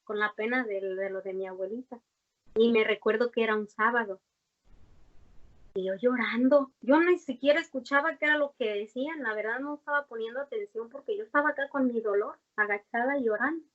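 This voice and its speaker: Speaking briskly in a slightly high voice, a young guest tells her faith story in conversation. She is earnest and heartfelt but rambles, full of fillers and restarts, on a dull lo-fi recording.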